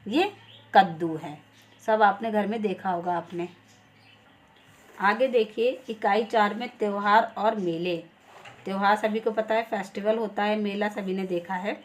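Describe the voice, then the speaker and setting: A young woman teacher patiently explaining a first-grade lesson step by step. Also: mid-range voice. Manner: patient, step-by-step, repeats "ठीक है".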